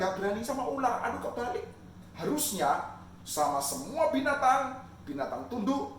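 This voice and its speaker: A man, a pastor and father, telling a Bible story to children at home in a lively, acted-out way. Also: very high voice, a little hiss or hum. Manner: lively, animated, acts out scenes. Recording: echoey room, mic far off.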